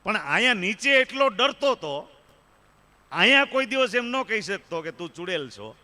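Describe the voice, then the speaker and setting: A man's voice: extremely high pitch, lively intonation, moderate pace, sharp tone. A man from Kathiawad with a Kathiawadi Gujarati accent, telling chatty comic stories on a live stage and often calling the audience sir. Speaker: stand-up comedian. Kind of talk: live folk stage comedy storytelling.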